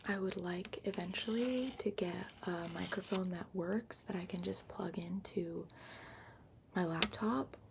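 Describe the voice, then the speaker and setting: A woman giving an unhurried ASMR ramble in a hushed whisper and soft voice, recorded up close on a laptop microphone. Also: fairly low pitch. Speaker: ASMR vlogger. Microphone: built-in laptop microphone, up close. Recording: lo-fi laptop microphone, clear background noise. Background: tapping and keyboard-like scratching sounds.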